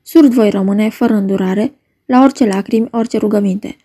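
A woman reading the part of a stern ruling duke who passes judgment in measured tones. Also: mid-range voice, dark tone, husky, close to an everyday voice. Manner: measured, commanding. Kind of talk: dramatic reading of a play.

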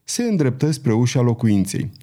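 A male audiobook narrator reads a dramatic story with much expression. His voice is mellow and warm, and his pitch rises and falls widely across each sentence. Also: very animated. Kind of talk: scripted narration.

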